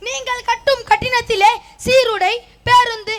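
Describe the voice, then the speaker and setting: A woman's voice: extremely high pitch, fairly even intonation, a little slow. A woman playing a god disguised as a wealthy male poet in a stage play, speaking in a lofty, formal, solemn way. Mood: calm, commanding.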